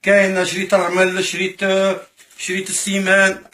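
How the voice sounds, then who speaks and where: A man's voice: high-pitched, brisk. A man with an Algerian Arabic accent vlogs a charity visit. He speaks eagerly, thanks the donors and comments on what he is showing. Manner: excited, thanks donors, gives running commentary. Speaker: vlogger filming a charity visit. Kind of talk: casual to-camera talk. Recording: echoey room with faint noise.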